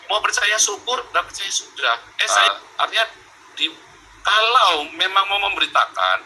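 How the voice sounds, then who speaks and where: A man's voice: sits high, very animated, normal speed, pushed and bright, husky, poor audio. A man from Indonesia talking in a remote interview, emphatic and heated, repeating words and calling the interviewer Pak. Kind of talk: remote interview, animated storytelling. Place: abroad in Europe.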